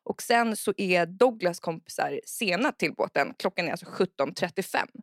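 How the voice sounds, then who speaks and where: Lively woman telling stories, dry sound. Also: lowish voice, dry recording. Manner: animated storyteller who acts out loud quotes; frank, swears freely. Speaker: podcast co-host. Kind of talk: casual chat.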